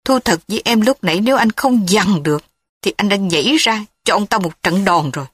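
A woman's voice: mid-range voice, animated, a little fast, breathy edge, dry recording. A woman reading the part of a hurt, bitter young husband who speaks emotionally in an audiobook drama. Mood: gentle.

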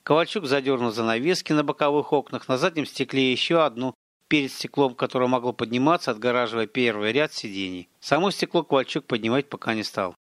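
A man narrating an audiobook in a steady, even storytelling manner on a close microphone. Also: mid-range voice, quick pace, no echo. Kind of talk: scripted narration.

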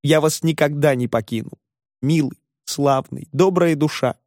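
A man voicing an effusive, tearful middle-aged landlady with a trembling voice, raised higher than his own, in a dry recording. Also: normal speed, a little mellow, dry recording, natural voice. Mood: tearful rapture.

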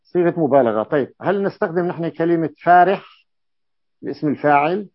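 A man's voice: on the high side, expressive, brisk, no echo. A man teaching a classical grammar lesson, repeating key terms and asking his students checking questions. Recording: dull lo-fi dry recording.

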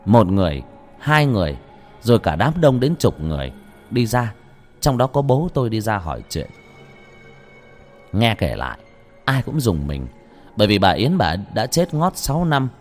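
A man narrating a ghost story in an animated, earthy way. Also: fairly low pitch, moderate pace, long pauses. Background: faint music.

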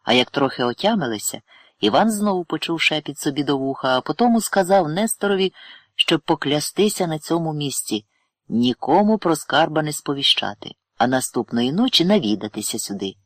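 A man narrating an audiobook in measured storytelling. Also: a little high, very animated, fairly bright tone, no echo, studio quality. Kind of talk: audiobook reading.

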